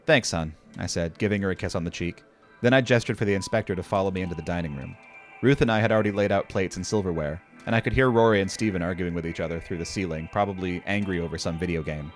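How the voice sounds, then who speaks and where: A man's voice: low voice, quick pace, soft background music. An older man gives scripted horror story narration in a wry, conversational and occasionally profane manner.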